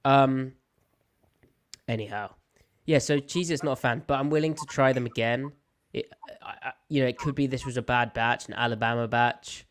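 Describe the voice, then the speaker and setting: With a little hiss or hum in the background, a young UK podcast host chats casually on his live sports show. He's playful and opinionated, slightly snuffly from a mild cold, and speaks in a steady mid-range voice at normal speed.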